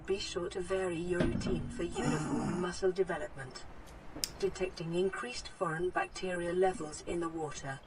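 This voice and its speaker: A performer voicing a calm, helpful computer assistant that gives polite, even advice through a processed synthetic filter, heard as game audio. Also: mid-range voice, moderate pace, heavy background noise. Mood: cheerful advisory. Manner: polite, even, advisory announcements. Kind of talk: in-game voice prompts.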